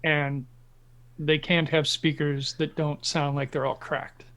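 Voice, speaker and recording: Man, tabletop player, wry, casual, smooth voice, slightly high. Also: level tone, takes it slowly, a bit bright, lo-fi sound. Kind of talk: casual tabletop game chat.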